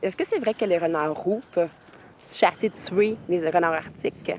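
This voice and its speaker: A woman's voice: fairly low pitch, moderate pace, a little mellow. A woman with a Québécois accent, a documentary host asking questions in a casual conversational style. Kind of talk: casual on-location interview.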